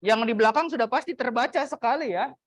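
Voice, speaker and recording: A young woman teaching an English class in a classroom, chatty and teasing, slowing down to model example sentences. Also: a little high. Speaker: university English lecturer. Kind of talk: classroom lecture.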